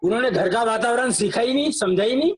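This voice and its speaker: Man, high-pitched, lecturing and insistent, echoey room. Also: animated, quick pace. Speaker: elder explaining tradition. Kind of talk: casual discussion.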